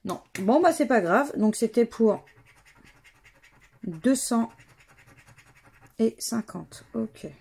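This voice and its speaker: A scratch-card vlogger with a French accent murmurs her way through lottery tickets, slowly calling out each letter in turn. Her voice sits a little high, with lively intonation and a gravelly, slightly rough, darkish tone.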